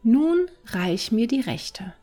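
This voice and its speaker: A woman's voice: on the high side, sing-song, takes it slowly, warm tone, faint music behind, full character voice. Woman reading as a crafty wandering fiddler. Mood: calm.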